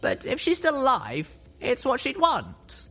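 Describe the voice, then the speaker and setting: Man doing a young filly pony, high voice, gentle, pleading, animated. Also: a little slow, soft background music, full character voice. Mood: earnest. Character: young female unicorn pony, earnest and soft-spoken.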